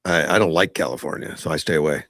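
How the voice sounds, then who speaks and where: A man's voice: extremely low pitch, fast talker, creaky, fairly bright tone, no echo. A man hosting a casual chat, mostly chiming in with short reactions. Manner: brief reactive interjections. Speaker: host.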